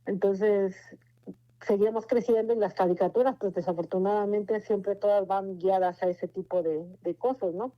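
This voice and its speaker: A woman's voice: mid-range voice, fairly even intonation, moderate pace. A Mexican woman in her forties giving a personal faith testimony, telling her story in an earnest, meandering way. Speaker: testimony speaker. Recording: muffled lo-fi recording.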